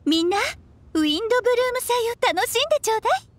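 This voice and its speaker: A woman's voice: very high-pitched, very animated, fast talker. A woman voicing a breezy, cheerful sorceress in an anime game, airy and theatrical. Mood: cheerful reminiscing.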